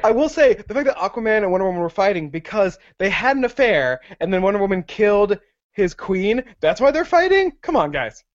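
A man co-hosting a casual podcast chat, hesitant and wry, often pausing on fillers. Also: high-pitched, sing-song. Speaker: podcast co-host. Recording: dull, muffled sound.

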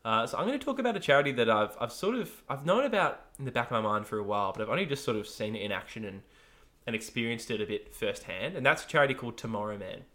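A young Australian man hosting a podcast, loud and lively, with a bright, forceful voice. He rattles along quickly and laughs easily between thoughts. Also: mid-range voice. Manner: loud, energetic, laughs often. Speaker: podcast host. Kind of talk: casual podcast chat.

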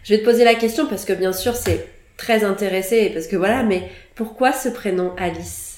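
A woman's voice: mid-range voice, fairly quick, a little mellow. A woman hosting a casual interview, friendly, with brief backchannels. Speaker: host. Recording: roomy echo, faint noise.

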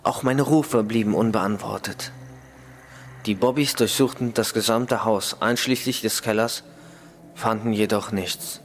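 A man reading a first-person ghost story in a slow, measured, dramatic way. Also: fairly low pitch, fairly even intonation, a little hiss or hum. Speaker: story reader.

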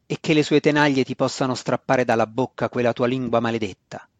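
A young dark elf man, as a male narrator plays him, angry and defiant toward his sister in a storybook reading. Mid-pitched, close and dry on the mic. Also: fairly even intonation, brisk, no echo, natural voice.

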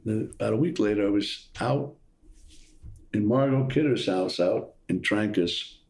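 Older man spinning animated showbiz stories. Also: on the low side, measured pace, roomy sound. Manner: animated storyteller, acts out quotes, trails off and restarts. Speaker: guest actor telling stories. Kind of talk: casual anecdotal chat.

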